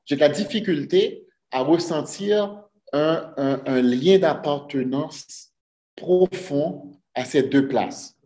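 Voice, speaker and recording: A man's voice: on the high side, darkish tone. A man preaching a sermon to his congregation, earnest, often putting rhetorical questions to them. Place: church sanctuary. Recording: echoey church room.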